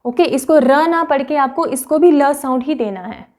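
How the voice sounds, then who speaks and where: High-pitched woman teaching Korean patiently. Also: a little mellow. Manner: patient, repeats practice words slowly, frequent "okay". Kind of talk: explanatory online lesson.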